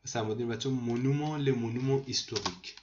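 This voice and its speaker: A man teaching vocabulary to students in a screen lesson, repeating each word slowly and explaining it. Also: medium pitch, steady tone, dull audio, background noise. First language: Persian. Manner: repeats words slowly, addresses students as kids. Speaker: language teacher.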